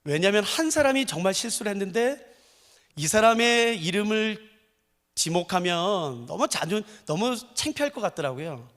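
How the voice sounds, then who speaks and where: A middle-aged man preaching a sermon as pastor, telling stories with animated swings from hushed to loud. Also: high voice, normal speed. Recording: long reverb of a large church hall.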